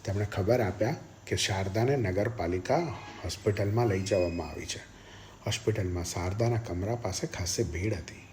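A man reading a novel aloud as an audiobook narrator, in steady, measured storytelling. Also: deep voice, slight background noise.

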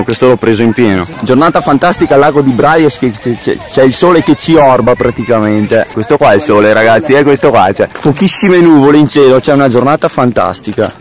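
A man's voice: medium pitch, brisk. A man in his twenties chatting casually and enthusiastically to a phone outdoors, often repeating himself. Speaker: vlogger. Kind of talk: casual vlog chat. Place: outdoors on a lakeshore. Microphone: phone at arm's length.

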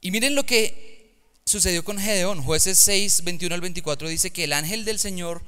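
A man preaching a lively sermon to young people in a church, swinging from hushed, slow words to loud, emphatic calls. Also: sits high, clear, resonant tone. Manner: dynamic, swings from hushed to shouting. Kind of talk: sermon to youth.

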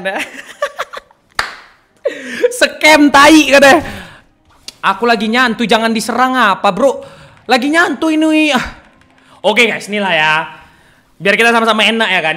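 A young man streaming a game, chatting loudly and teasingly with his viewers and laughing often. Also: sits high. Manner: loud, teasing and excitable, with frequent laughter and repeated "ya kan". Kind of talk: casual live-stream chat.

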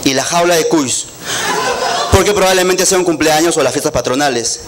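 A man's voice: on the high side, brisk, a crowd in the background. A man from the Peruvian Andes with an Andean accent, performing a stand-up monologue full of self-mocking asides and tag questions. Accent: Andean Peruvian Spanish. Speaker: stand-up comedian. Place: comedy stage. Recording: live stage recording with loud background noise.

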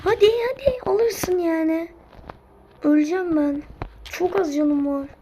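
Woman, high voice, unhurried delivery, gameplay commentary, exasperated outbursts, muttered asides. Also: slight background noise. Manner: excitable, frustrated outbursts and cursing at teammates; drops to muttered asides between loud cries. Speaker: gaming streamer.

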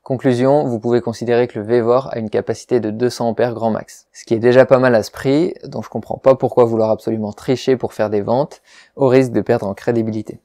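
Man, welding channel host, product review narration, frank, methodical, mellow voice, dry sound. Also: medium pitch, steady tone, quick pace, dry recording.

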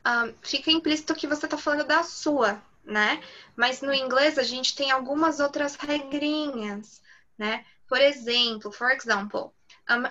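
Slow, bright woman teaching English. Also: a little high, muffled recording. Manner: repeats each point in English then Portuguese, slow and careful. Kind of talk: online class teaching. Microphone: video call.

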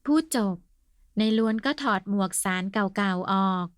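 A woman's voice: medium pitch, measured pace, no room sound, studio quality. A woman narrating a comic novel as an audiobook host, telling the story politely and steadily.

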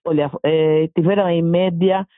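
A woman's voice: fairly low pitch, steady tone, a little slow, no room sound. A woman, a doctor summing up the community health event she organized. She talks in long lists and repeats words for emphasis. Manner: repetitive, stacking lists. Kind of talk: event summary in a report. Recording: tinny phone-like sound.

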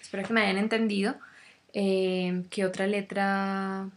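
A woman and native Spanish speaker teaching English pronunciation, speaking slowly and demonstrating each sound over and over. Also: mid-range voice, level tone. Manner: slow, demonstrative, repeats sounds. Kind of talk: pronunciation lesson.

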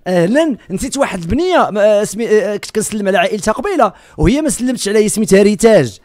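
A man with a Moroccan accent hosting a call-in radio show, joking and teasing a caller and often repeating words in quick bursts. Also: sits high, big pitch swings, darkish tone, no room sound, studio quality. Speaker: radio host. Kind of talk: lively call-in radio chat. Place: radio studio.

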